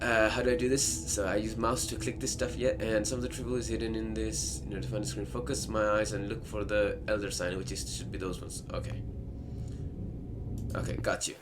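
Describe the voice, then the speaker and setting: A man with a mid-range voice hosts a let's play, chatting casually as he thinks aloud, repeats himself, and reads out game text. Game music plays in a noisy background.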